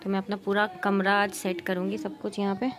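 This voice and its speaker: Speaking at a brisk clip in a medium-pitched monotone, this vlogger chats informally to her audience, her talk full of fillers. Music runs beneath the recording.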